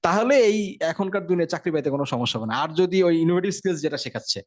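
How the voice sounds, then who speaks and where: A man gives a casual tech lecture at a rapid clip. His voice sits a little high, and he keeps the tone conversational, often stopping to check that his listeners are following. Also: lively intonation. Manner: fast, conversational, frequent check-ins. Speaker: instructor.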